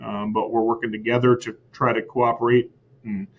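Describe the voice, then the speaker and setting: A man's voice: medium pitch, flat delivery, normal speed, narrow, tinny audio. An American man, a school district superintendent, answering interview questions earnestly, often repeating words and asking "right?".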